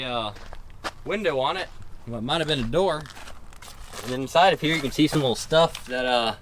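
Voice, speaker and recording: A man's voice: a little high, fairly bright tone. A man narrating a casual exploration vlog outdoors, curious and folksy as he points things out. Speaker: explorer vlogger. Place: outdoors at an open gravel pit pond. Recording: outdoor location audio with clear background noise.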